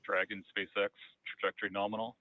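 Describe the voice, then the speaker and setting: A man in mission control giving clipped, flat procedural call-outs over a crackly space radio link. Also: fairly low pitch, fast talker, phone-quality sound. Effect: crackly space radio transmission.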